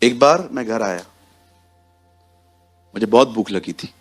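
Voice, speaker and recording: A young man preaching a sermon to his congregation, animated, and acting out scenes in other voices. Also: fairly low pitch, takes it slowly, faint music behind.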